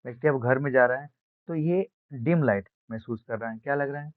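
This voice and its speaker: A male teacher giving an exam-prep science lesson at a slow, patient pace, repeating each term and answering his own questions. His voice sits at an ordinary middle pitch. The recording is dry with no room echo and sounds thin and narrow, like a phone line.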